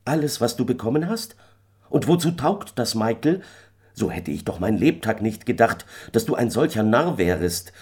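A man's voice: mid-range voice, animated, moderate pace, darkish tone, husky, pitched above the performer's own voice. A man voicing a worried, scolding peasant wife in a fairy tale, firing off nagging questions.

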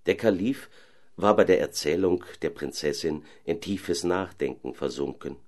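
A man calmly narrating a fairy tale audiobook. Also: deep voice, unhurried.

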